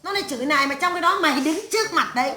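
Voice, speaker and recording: In an echoey room, a woman medium channels the spirit of a stern old great-grandmother during a séance, ranting at the family in a harsh, crude tirade laced with curses. Her voice is high, animated, racing, pushed and bright.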